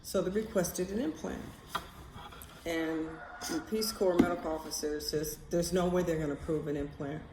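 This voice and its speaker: A vlogger from the United States, this woman tells personal anecdotes in a loose, rambling style, candidly and bluntly thinking out loud. Her lowish voice holds a steady tone at normal speed, captured with a roomy echo and a little background noise.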